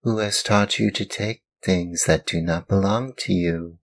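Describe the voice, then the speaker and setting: A man voicing a gentle little glowworm. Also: low-pitched, steady tone, unhurried, pitched above the performer's own voice. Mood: gently scolding. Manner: gentle, moralizing. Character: small female glowworm, gentle and scolding. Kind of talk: storybook reading.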